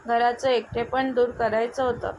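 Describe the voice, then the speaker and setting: A woman voicing a stern adult male police officer, speaking firmly and in a measured way. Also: on the high side, flat delivery, a little mellow, dull audio, natural voice. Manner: firm, measured. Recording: noticeable background noise.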